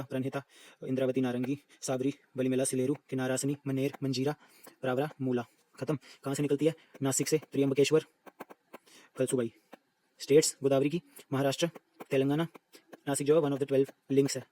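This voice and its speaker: A man teaching an exam-prep geography lesson, reciting lists briskly and repeating them to drill them in. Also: medium pitch, dark tone, no echo, low-quality recording.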